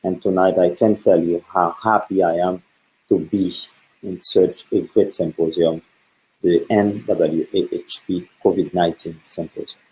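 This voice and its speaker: Earnest priest, low voice. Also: male voice, fairly even intonation, mellow, low-quality recording. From Haiti. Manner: earnest, with many pauses and fillers. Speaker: guest speaker. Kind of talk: reflective talk on faith.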